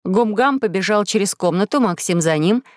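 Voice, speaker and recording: Female storybook narrator, dry close studio sound, mid pitch, clear and steady telling. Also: normal speed, no echo. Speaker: audiobook narrator. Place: recording studio.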